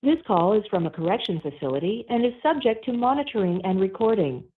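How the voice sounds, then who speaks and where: A woman delivers automated payphone call prompts as a collect call announcer. Her pitch swings noticeably, and the sound is thin and narrow, like a jail telephone line. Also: animated, fast talker. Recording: tinny band-limited jail phone line. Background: played over a phone line.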